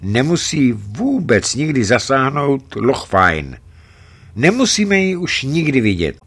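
A man's voice: medium pitch, big pitch swings, a bit bright, slightly rough, voice pushed up. A man voicing an earnest young soldier speaking seriously and tenderly to the woman he loves.

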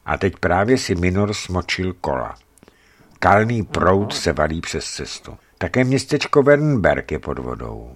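A man narrating a scripted travel account in a measured storytelling manner, with vivid emphasis. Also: low voice, sing-song.

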